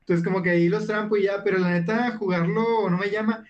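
A man's voice: sits high, fairly even intonation, quick pace, highs cut off. A man with a northern Mexican accent co-hosting a livestream, laid-back and slangy in casual chat. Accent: northern Mexican Spanish. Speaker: livestream co-host.

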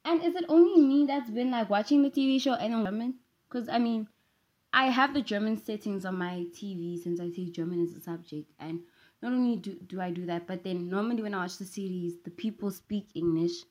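A woman's voice: medium pitch, fairly quick, darkish tone. A young woman at home, chatting casually and rambling playfully with sassy asides, as host of her own vlog. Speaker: vlogger.

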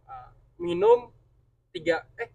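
A man's voice: very high-pitched, sing-song, takes it slowly, creaky. A young man with a Jakarta accent who cannot roll his r's, bantering casually. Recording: distant mic, chatter behind.

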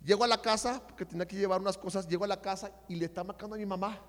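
A middle-aged Mexican man preaching, telling a story in a lively way and acting out arguments with shouts. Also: sits high, rapid-fire. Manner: animated, acts out family quarrels with shouts. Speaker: pastor. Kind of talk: storytelling sermon. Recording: reverberant hall sound.

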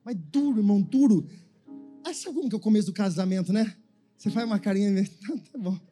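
A man with a Brazilian Portuguese accent preaching a sermon as a pastor. He tells a story quietly, then breaks into a sung, shouting preaching cadence. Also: high-pitched, fast, soft background music.

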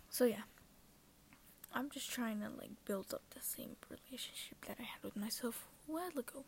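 A woman's voice: a little high, normal speed. A woman hosting her own podcast, rambling and self-conscious, often dropping into a half-whisper. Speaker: podcast host. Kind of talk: casual solo talk.

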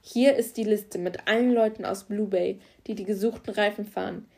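A woman's voice: mid-range voice, dark tone, natural voice. A woman voicing a determined, caring male police officer who speaks firmly and reassuringly in an audiobook. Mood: commanding. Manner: firm, commanding, reassuring.

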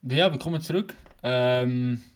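A man's voice: medium pitch, unhurried. A teenage male podcast host with a Swiss German accent chats casually. He talks with braces, so his articulation is a little hindered, and he rambles along with plenty of hesitations. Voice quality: talking with new braces, slightly hampered articulation.

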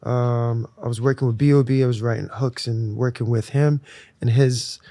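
A young man from Nigeria, a musician talking in a relaxed, reflective way with lots of fillers during an interview. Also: medium pitch, normal speed, dry recording. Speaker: musician guest. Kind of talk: casual interview talk.

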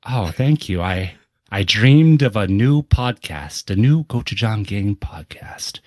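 A man voicing a drowsy dreamer just waking from a dream, murmuring low and hushed in a dreamy way. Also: lively intonation, takes it slowly, no room sound. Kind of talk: comedic podcast bit.

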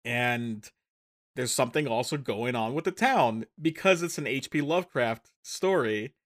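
On a casual movie-review podcast, a co-host summarizes a film while rambling, self-correcting, and often breaking into laughter. His voice is medium-pitched and fairly bright, and he talks a little slowly.

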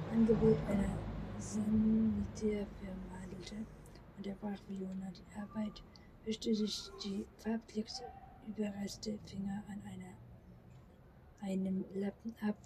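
A woman reading a novel aloud in a soft, often whispered voice, halting now and then, recorded from a distance with audible background noise. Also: medium pitch. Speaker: reader.

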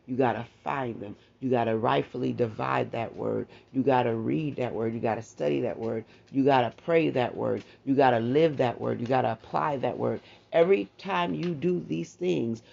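Man, gravelly voice, preacher, morning devotional, exhorting and repetitive, dull lo-fi recording. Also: medium pitch, a little mellow.

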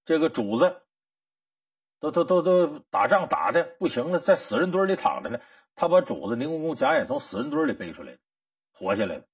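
Brief: husky, animated male storyteller, folksy lecture, slightly high voice, dry distant recording. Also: fairly quick, no echo. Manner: folksy, animated, rhetorical questions. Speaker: storyteller teacher.

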